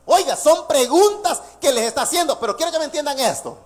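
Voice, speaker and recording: A male pastor preaching a sermon, lively and laughing between points, quizzing the congregation with questions. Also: very high-pitched, fast talker.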